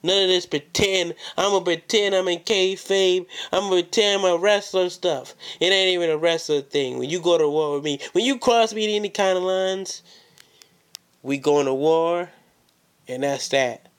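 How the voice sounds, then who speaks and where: Casting: male wrestler for a boastful call-out promo, fairly high voice, confrontational, hammers phrases by repeating them. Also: normal speed, a bit bright, clear, resonant tone. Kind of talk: wrestling promo, calling out an opponent.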